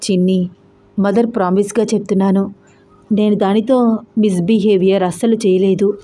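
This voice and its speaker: A woman's voice: mid-range voice, steady tone, moderate pace, dark tone, close to an everyday voice. A woman voicing a young husband who pleads and tries to explain himself, in an emotional audio story. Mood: pleading.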